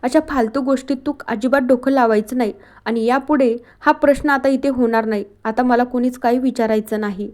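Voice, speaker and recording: A woman's voice: fairly high pitch, steady tone, brisk, a little mellow, close to an everyday voice. A woman reading the lines of a stern mother who scolds her young son sharply. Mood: scolding.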